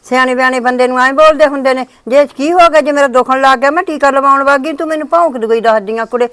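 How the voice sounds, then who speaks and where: A woman's voice: high-pitched, fast talker, fairly bright tone, no room sound. A woman playing a sick, aggrieved old mother-in-law who complains and calls on God. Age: older. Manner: lamenting, complaining, appeals to God. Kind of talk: village short-drama acting.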